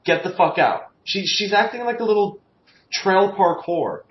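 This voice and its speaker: A man's voice: sits high, sing-song, moderate pace. A man hosting a casual fan podcast, talking in a crude, sarcastic way and swearing freely. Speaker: podcast host. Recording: muffled lo-fi audio in an echoey room.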